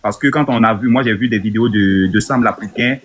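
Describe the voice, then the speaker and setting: A man in his thirties from Burkina Faso, arguing earnestly and point by point in a debate. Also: fairly low pitch. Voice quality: husky. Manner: earnest, rapid, reasoning point by point. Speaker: debate participant. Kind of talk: heated debate argument.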